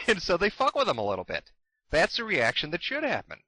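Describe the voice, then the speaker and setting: A man's voice: on the high side, wildly swooping pitch, a little fast, bright, forceful tone, no echo, low-quality recording. A man delivering a heated, profane commentary rant with an exasperated tone. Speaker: commentary host. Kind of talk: ranting commentary.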